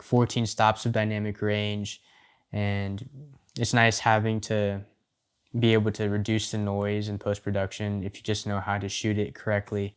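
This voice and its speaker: Low-pitched man, sick, casual camera reviewer. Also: smooth. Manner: informal, conversational. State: sick, voice affected by illness.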